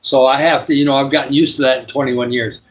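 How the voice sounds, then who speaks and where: Speaking quickly in a mid-range voice with fairly even intonation, this man in his sixties chats with viewers on his live stream in a meandering way and prays for them.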